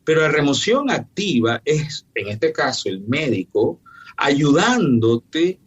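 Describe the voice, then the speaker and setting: A man's voice: fairly high pitch, very animated, slow pace, dull audio, slight background noise. A man, a functional medicine doctor, explaining his approach in an emphatic, teacherly way during an interview. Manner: emphatic, didactic, lists points firmly.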